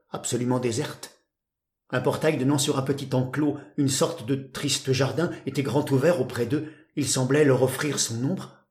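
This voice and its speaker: A man reads a classic short story aloud in a measured, literary manner. His voice sits in the middle range and carries a roomy echo. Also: mid-range voice, a little mellow. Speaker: narrator. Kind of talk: audiobook narration of a classic tale.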